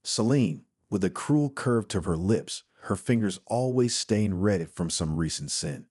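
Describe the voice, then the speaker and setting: A man narrating a dark fantasy story in a slow, brooding, ominous scripted style. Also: fairly low pitch, lively intonation, slightly rough, no room sound, studio quality.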